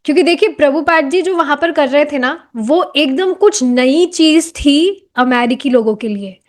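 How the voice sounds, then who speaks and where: A woman with a high voice explains a devotional book to a class at a moderate pace. She keeps it conversational, slipping in English phrases and putting rhetorical questions to her listeners.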